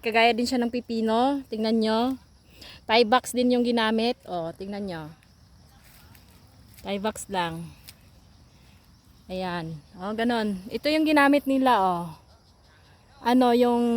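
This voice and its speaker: A young woman gives a slow, relaxed walking tour of a vegetable farm, filming on her phone. Her voice sits a little high, and she talks to viewers in an easy, repetitive way. Animals and open countryside are heard around her. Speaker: vlogger. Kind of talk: casual walking tour vlog.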